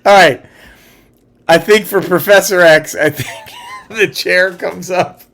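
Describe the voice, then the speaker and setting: A man co-hosting a casual comedy podcast, giggly and animated. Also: high voice, takes it slowly, creaky. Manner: giggly and animated, laughs a lot. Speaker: podcast co-host.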